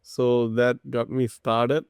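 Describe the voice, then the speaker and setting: A man from Singapore answers interview questions in a thoughtful, explanatory way. His voice has a gravelly edge and sits at a middle pitch. The sound is dry and close. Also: little pitch movement, slow pace, dry recording. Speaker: guest, startup founder.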